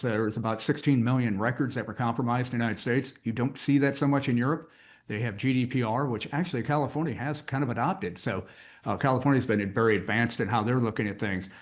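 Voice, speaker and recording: A man on a live panel answers with calm confidence and lays out facts. His voice sits at an ordinary middle pitch.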